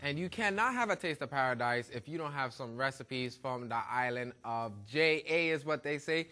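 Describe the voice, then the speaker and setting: A man's voice: mid-range voice, animated, normal speed, bright, forceful tone. A man from Brooklyn hosting a cooking show in playful, joking banter with his guest. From Brooklyn, New York. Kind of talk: casual cooking show chat.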